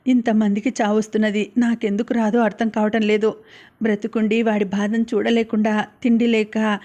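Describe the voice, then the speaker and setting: An elderly grandmother in an audiobook story, grieving and pleading through halting, tearful words, acted by a woman narrator. Her voice stays level and narrow in pitch. She talks at a middling height. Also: a little mellow, natural voice.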